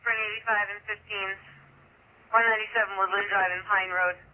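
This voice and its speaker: A woman's voice: medium pitch, fairly even intonation, brisk. A woman dispatcher reading out police calls in a clipped, businesslike way over two-way radio. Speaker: emergency dispatcher. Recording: tinny phone-like police scanner audio.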